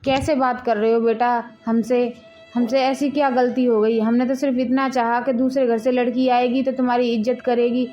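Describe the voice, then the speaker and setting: A woman's voice: fairly high pitch, little pitch movement, normal speed, mellow, highs cut off, faint music behind, close to an everyday voice. A woman plays a mother patiently explaining herself to her grown son in a family drama. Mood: pleading. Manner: pleading, explaining. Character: patient middle-aged mother, gently lecturing.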